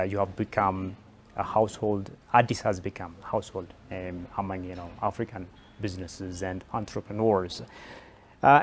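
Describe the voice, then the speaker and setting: A man's voice: lowish voice, slight background noise. A man hosting a televised interview show, asking long questions with many fillers and restarts. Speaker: TV talk show host. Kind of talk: broadcast interview.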